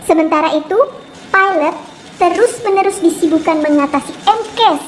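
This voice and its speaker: A woman's voice: very high-pitched, moderate pace, background noise. A woman reading scripted documentary narration as the narrator.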